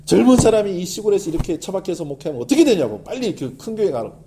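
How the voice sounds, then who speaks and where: A middle-aged male pastor giving a sermon in an animated, conversational style, with emphatic swings in delivery. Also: high-pitched, racing, noisy background.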